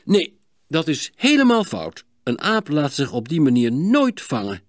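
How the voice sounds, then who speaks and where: A man reading an audiobook voices a patient, clever doctor in a raised, instructive tone with a lively voice. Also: on the high side, a little slow, dry recording, studio quality, voice pushed up. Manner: calm, instructive, raised and bright.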